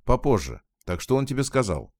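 A man voicing a gentle young man who comforts his sweetheart in a reassuring tone. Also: mid-range voice, sing-song, a little fast, no echo, pitched above the performer's own voice, natural voice.

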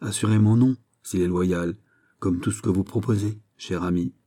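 A man voicing a proud, courteous nobleman in a novel reading, answering politely and calmly. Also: lowish voice, moderate pace.

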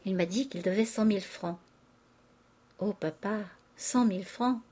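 A woman's voice: mid-range voice, a little slow, warm tone, natural voice. A woman reading aloud, voicing a distraught young aristocratic wife making a tearful confession. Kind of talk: audiobook character reading.

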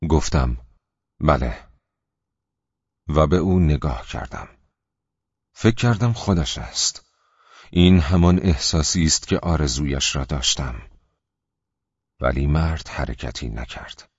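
A man narrating an audiobook in a measured, even storytelling manner. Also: rumbling low, slightly rough, no room sound, muffled recording.

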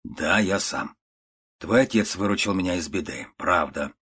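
A stern, unshakable old uncle , as a man reads him out in a storybook. He speaks in curt, clipped phrases, low and husky. Quiet and level throughout. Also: expressive, normal speed, heavily acted. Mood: stern, calm. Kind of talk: storybook reading.

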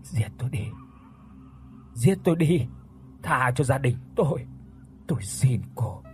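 A man voicing a dying older man in an audio horror story, begging in faint, rasping whispers. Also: mid-range voice, lively intonation, measured pace, soft background music, natural voice.

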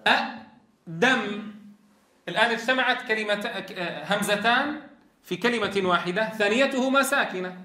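Man, tajweed teacher, high bright voice, quizzing style, drawn-out example words, echoey room. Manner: asks students questions and answers them himself; drags out example words slowly. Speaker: Quran teacher trainer. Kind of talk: tajweed lesson.

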